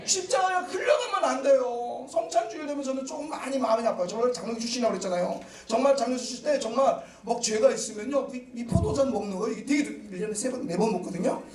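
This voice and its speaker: Pastor guy preaching, super high voice, kinda far from the mic, faint hiss. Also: animated, fast, hardly any pauses. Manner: emphatic preaching with rising shouts and rhetorical questions. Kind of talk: sermon. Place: church sanctuary. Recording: echoey church hall, mic at a distance.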